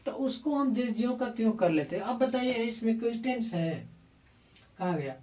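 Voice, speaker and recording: A woman's voice: a little high, expressive, normal speed, darkish tone. A woman teaching a grammar lesson, asking the class questions, answering them herself and checking in often. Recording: echoey room, voice from far off the mic.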